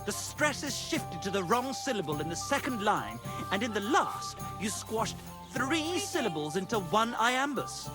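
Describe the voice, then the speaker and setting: A man's voice: high-pitched, big pitch swings, a little slow, over music. An actor playing a pompous, lovesick male troubadour poet in a video game, theatrical and scornful of anyone he thinks a boor. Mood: haughty. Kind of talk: video game cutscene acting.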